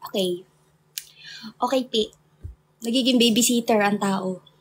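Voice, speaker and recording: A woman's voice: fairly high pitch, measured pace, a little hiss or hum. A young woman with a Filipino accent, chatting casually with viewers on a livestream, laughing often and mixing English in. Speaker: livestream host.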